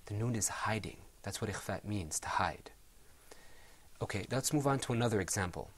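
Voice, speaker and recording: A man's voice: on the low side, expressive, slightly rough. A man teaching Quran recitation rules to a small class, patiently modeling sounds and encouraging students. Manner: encouraging, drawn-out modeling of pronunciations.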